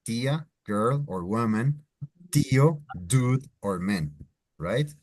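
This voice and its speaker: Latin american guy hosting a live spanish slang lesson, draws out his words, middle-pitched voice. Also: lively intonation, takes it slowly, a little mellow. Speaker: Spanish teacher.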